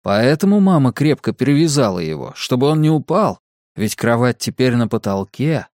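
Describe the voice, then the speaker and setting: A man narrating a thriller audiobook in a measured, tense storytelling manner. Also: mid-range voice, very animated, a little mellow, no echo, clean studio sound.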